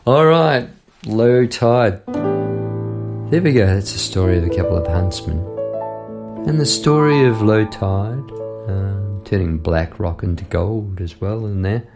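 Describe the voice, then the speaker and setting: Gravelly New man spinning a yarn. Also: on the low side, expressive, slow pace, loud music behind the voice. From New Zealand. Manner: chatty, rambling, laughs between lines. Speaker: podcast host and songwriter. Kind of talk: casual storytelling monologue.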